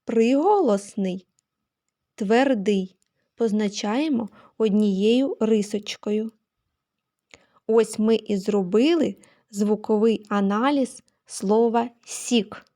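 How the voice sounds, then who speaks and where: A woman teacher giving a phonics lesson to young children, slow and careful, stressing each sound she names. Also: fairly high pitch, mellow.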